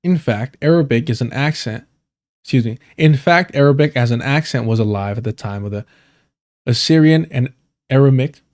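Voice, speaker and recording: On a livestream, a man reads an article out loud at a moderate pace, often fumbling words before correcting himself and apologizing. His voice is mid-range with a somewhat dark quality.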